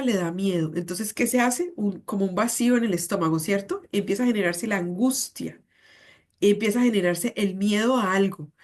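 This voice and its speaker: Conversational psychologist woman. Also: mid-range voice. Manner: conversational, with rhetorical questions and acted quotes. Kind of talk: talk on parenting.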